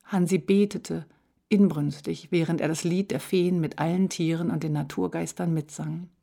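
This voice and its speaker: A woman narrating a children's storybook in a calm, measured reading voice. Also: lowish voice, creaky.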